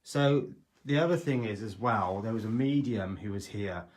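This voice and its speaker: A man's voice: fairly low pitch, moderate pace. A man chatting casually on a ghost-hunting live stream, explaining things in a conversational, sceptical way.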